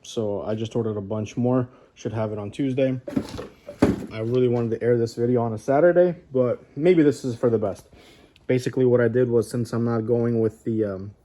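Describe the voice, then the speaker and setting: A man hosting a casual garage how-to vlog, talking in a relaxed, rambling way with lots of ums and uhs. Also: mid-range voice, moderate pace, a little hiss or hum. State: out of breath at times. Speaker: garage channel host. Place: home garage workshop.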